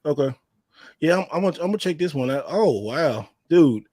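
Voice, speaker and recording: A man hosts a casual gaming podcast and reacts with big, animated exclamations. His voice is a little high and swings widely in pitch. The sound is dry and close. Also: brisk, no room sound. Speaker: podcast host. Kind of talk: casual chat.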